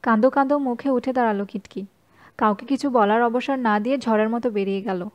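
A woman reading a novel aloud as an audiobook narrator in a calm, even storytelling manner. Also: fairly high pitch, a little fast. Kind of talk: scripted narration.

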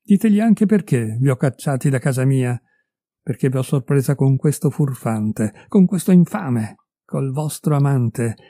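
A furious, betrayed middle-aged husband, put on by a male reader hurls accusations at his wife and her lover. His voice climbs with anger over a very dark, mellow base. The storybook recording is dry and close. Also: fairly high pitch, animated, unhurried, dry recording. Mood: furious, accusing. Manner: raised, heated and accusing.

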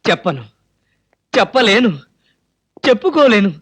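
An actor playing a mischievous, bumbling husband in a comedy, talking in a playful, teasing way. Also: male voice, extremely high pitch, expressive, measured pace, fairly bright tone, exaggerated voice. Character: mischievous bumbling husband, middle-aged man. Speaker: comic husband. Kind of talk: Telugu film comedy acting.

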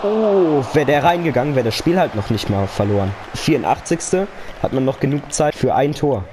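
A man's voice: mid-range voice, animated, fairly quick, noisy background. A young man giving casual, slangy live commentary on a football video game, with earnest pep talk mixed in. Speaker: gaming YouTuber.

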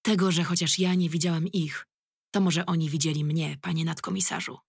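A woman's voice: deep voice, steady tone, brisk, vocal fry, husky, dry recording, studio quality, heavily acted. A woman doing a nervous cocky young actor. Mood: nervous, indignant. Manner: crude, defensive complaining.

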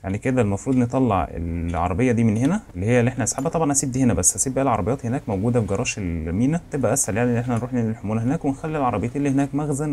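Fast-talking Egyptian man playing a game. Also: medium pitch, mellow. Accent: Egyptian Arabic. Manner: rapid, chatty, thinking aloud. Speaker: gaming channel host. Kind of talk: casual role-play gameplay commentary.

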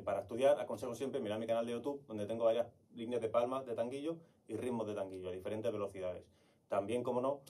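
A man teaches flamenco clapping patterns at a brisk clip and counts beats out loud. His voice has a slightly husky edge. He sounds set back from the microphone. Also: mid-range voice, distant mic. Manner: explanatory, counts beats aloud. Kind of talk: online music lesson.

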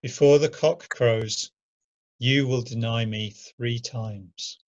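A man reading the part of a solemn, resolute Jesus in a dramatic scripture reading, with a husky voice. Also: medium pitch, takes it slowly, lightly acted. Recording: muffled lo-fi home recording.

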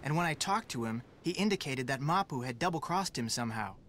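Man voicing Frank Hardy, lively young detective. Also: medium pitch, a little fast, slight background noise, natural voice. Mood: inquisitive. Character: earnest, assertive young male amateur detective. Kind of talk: video game voice acting.

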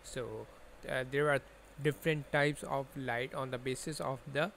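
A man's voice: medium pitch, fairly even intonation, measured pace, gravelly, a bit bright, a little hiss or hum. A man giving an explanatory lesson as a lecturer, restating points in simple terms. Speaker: biology lecturer. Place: voice-over recorded over slides.

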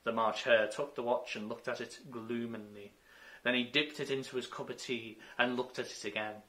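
A man narrating a children's storybook chapter, measured and expressive. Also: mid-range voice.

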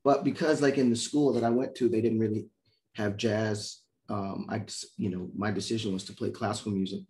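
A middle-aged man from Miami, a trumpet player, telling animated stories in casual conversation over a video call. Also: on the low side, brisk. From Miami, Florida. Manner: animated storyteller, acts out quoted voices. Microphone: video call mic.

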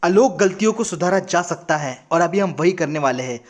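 A man's voice: high voice, expressive, a little fast. A man voicing an earnest young male hero who pleads urgently with his allies.

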